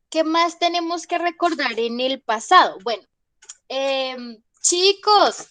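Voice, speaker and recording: High-voiced woman teaching an online class. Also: fairly bright tone, dry recording. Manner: patient, asks students questions and repeats examples. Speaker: English teacher. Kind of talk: online class explanation in Spanish.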